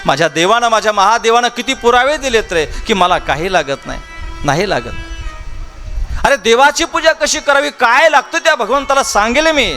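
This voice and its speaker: A man's voice: very high-pitched, lively intonation, normal speed, sharp tone, soft background music. A man preaching a devotional katha sermon with a Marathi accent, full of rhetorical questions to the crowd and repeated phrases. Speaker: kirtan preacher telling the Shiv Mahapuran katha. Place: large public gathering at a festival.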